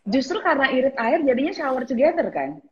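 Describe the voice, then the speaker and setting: A woman's voice: high-pitched, big pitch swings, a little fast, slight background noise. Woman guest on a dull lo-fi call. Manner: mixes Indonesian with English, agrees briefly and often. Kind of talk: casual chat on a live stream. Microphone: video call. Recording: dull lo-fi video call audio.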